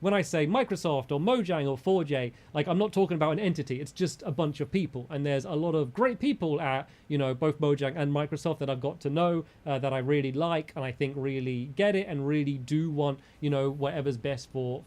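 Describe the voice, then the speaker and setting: A man giving casual opinion commentary as a gaming creator, measured and diplomatic, carefully qualifying his points. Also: fairly high pitch, a little mellow.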